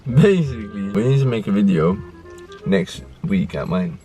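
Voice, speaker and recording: A young man, teasing his girlfriend in a parked car during a casual vlog, excitable and quick to jump up in pitch. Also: soft background music. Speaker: vlogger's boyfriend.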